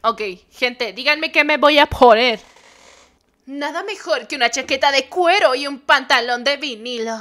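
Excitable Mexican woman with a bright voice. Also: sits high, measured pace. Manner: playful and excitable, breaks into squeals and joking swears. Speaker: gamer. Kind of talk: reading aloud and reacting to a dating game.

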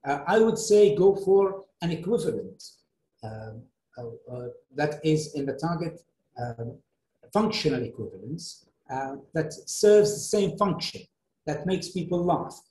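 A middle-aged man lectures in English, his first language Arabic, with a fairly high but mellow voice. He talks haltingly, stopping on fillers and restarting his sentences. The sound is roomy, with a clear echo around him. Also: expressive, slight background noise. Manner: hesitant, many fillers and restarts. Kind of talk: academic lecture answering a question.

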